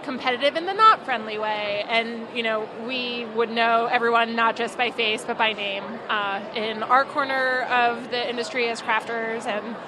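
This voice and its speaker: A woman's voice: a little high, normal speed, few pauses. A woman from New York who makes craft syrups, talking in long, casual sentences at a busy food market. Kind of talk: casual interview answers. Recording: crowd and street noise.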